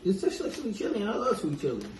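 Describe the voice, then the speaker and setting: Man, casual co-host chatter, slightly high pitch, noisy distant mic. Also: huge pitch swings, fast talker, a little mellow. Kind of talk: casual chat. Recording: echoey room, distant mic, clear noise.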